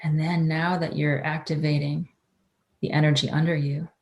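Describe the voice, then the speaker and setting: A woman with a low voice leads a guided breathing meditation. She keeps her intonation very even, with little rise or fall. Her manner is that of a mystical healer, soothing and unhurried as she gives instruction. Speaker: energy-healing teacher.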